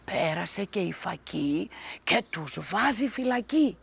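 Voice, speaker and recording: A woman narrating an old folk tale in a slow, expressive way. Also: on the low side, gravelly, slightly rough. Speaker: storyteller.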